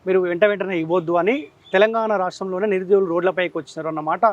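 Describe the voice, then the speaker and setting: A man working as a journalist interviewer, who sets up long framing questions and murmurs steady backchannel sounds while his guest talks. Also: high-pitched, rapid-fire, lo-fi sound.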